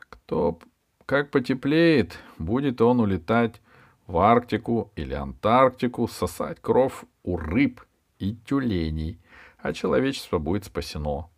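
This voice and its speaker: A man's voice: medium pitch, voice pushed up. A man reading aloud and voicing a proud, impatient young male biologist who lectures eagerly in a lifted voice.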